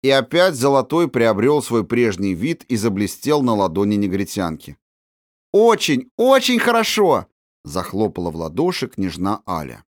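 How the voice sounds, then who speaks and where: A man narrating an audiobook in an expressive storytelling manner. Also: lowish voice, normal speed, hardly any pauses, no echo, clean studio sound.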